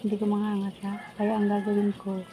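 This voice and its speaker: A woman's voice: medium pitch, completely flat delivery, brisk. A Filipino woman with the speech of someone missing upper front teeth, chatting casually to viewers in a food vlog. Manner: informal, chatty, talking to viewers while preparing and eating food. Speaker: vlogger. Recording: noisy home recording with roosters crowing. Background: background noise, chickens and roosters.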